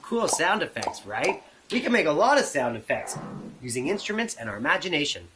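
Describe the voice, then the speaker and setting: A man's voice: on the high side, sing-song, fairly quick. A man hosting a children's music lesson, playful and talking straight to the kids. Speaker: children's show host. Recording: noisy recording.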